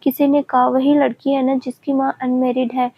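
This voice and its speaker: A woman's voice: high-pitched, level tone, normal speed. A woman voicing a frightened, tearful young daughter who pleads with her mother. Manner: fearful, pleading. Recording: dull lo-fi recording.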